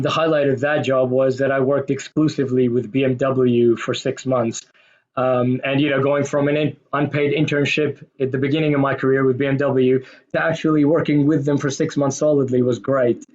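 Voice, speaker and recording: A man's voice: mid-range voice, darkish tone, muffled recording. A man in his forties from Pakistan with an American accent, giving a conversational, self-deprecating talk about his career as a guest speaker. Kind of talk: conversational presentation.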